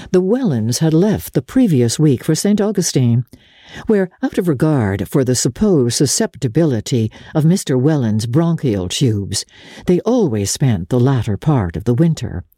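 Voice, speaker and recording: A female audiobook narrator gives a dramatic reading of literary fiction, her phrasing measured, expressive and deliberate. She has a rumbling low voice, captured in a dry, clean studio recording.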